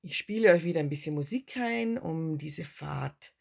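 A woman in her forties narrating her motorcycle trip in a relaxed, chatty way, with fillers and restarts. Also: sits low, normal speed, vocal fry. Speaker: motorcycle travel vlogger. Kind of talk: casual travel narration.

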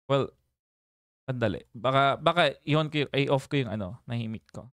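A man hosts a casual reaction livestream, animated and chatty, often laughing and reading viewers' names aloud. His voice is medium-pitched and fairly quick, with no echo.

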